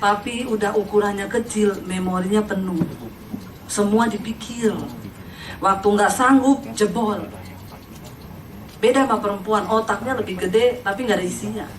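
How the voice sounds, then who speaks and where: A woman's voice: mid-range voice, moderate pace, long pauses, background noise. A woman pastor, giving a humorous sermon full of anecdotes and quoted voices. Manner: animated storytelling with quoted voices and laughter. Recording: echoey hall, mic from a distance.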